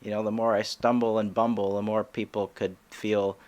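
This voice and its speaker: A man hosting a comedy podcast in casual chat, talking haltingly with many restarts and little laughs. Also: lowish voice, flat delivery, darkish tone.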